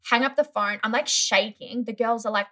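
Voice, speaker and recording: A woman's voice: on the high side, a little fast. A young woman chatting casually as a guest, telling a story animatedly with lots of "like" and acted-out voices. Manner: animated storyteller, many "like"s, acts out others' voices. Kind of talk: casual chat.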